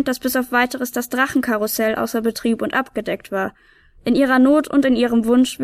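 A woman narrating a storybook in a calm, even storytelling manner. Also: fairly high pitch, no room sound, clean studio sound.

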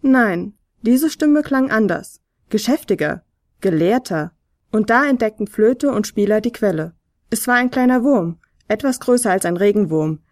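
A woman narrating a children's advent story in a gentle, expressive read-aloud manner. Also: medium pitch, moderate pace, no room sound, clean studio sound.

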